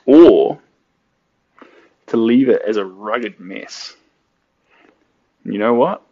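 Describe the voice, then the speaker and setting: Here a late-twenties Kiwi artist keeps up cheerful, chatty banter with his stream audience as he paints, now and then breaking into song. He speaks in an expressive mid-range voice with a dark tone, stretching out his words. The sound quality is lo-fi.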